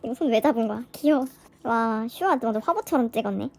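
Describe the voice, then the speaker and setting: Gushing, excitable woman fan vlogger. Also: fairly high pitch, fast talker. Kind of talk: casual unboxing vlog.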